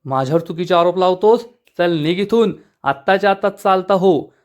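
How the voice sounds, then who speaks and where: A scheming, quick-tempered old woman scolds in snappy retorts, as a man reads her part. The voice sits high. It is delivered in plain storytelling fashion, as a quoted line in a spoken recap. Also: natural voice. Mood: scolding. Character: feisty old woman, sharp-tongued and scheming.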